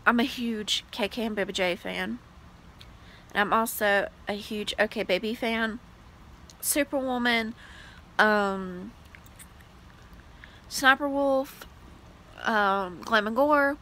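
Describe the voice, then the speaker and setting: A woman's voice: a little high, slow, pauses often, pushed and bright, slight background noise, poor audio. A woman in her late twenties chatting casually to her vlog viewers, gushing and full of "like" fillers. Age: 20s. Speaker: vlogger. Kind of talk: casual vlog chat to camera.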